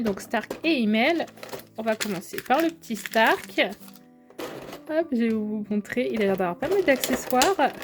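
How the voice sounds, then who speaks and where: A young woman, chatting to viewers as she unboxes figures, gushing over how cute they are. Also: fairly high pitch. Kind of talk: casual unboxing vlog.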